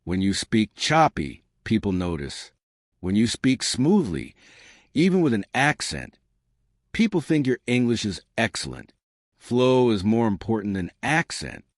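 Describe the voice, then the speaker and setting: A man giving scripted English lessons in short, emphatic, measured phrases. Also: on the low side, big pitch swings, no room sound, studio quality. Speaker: English pronunciation teacher. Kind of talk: scripted instructional narration.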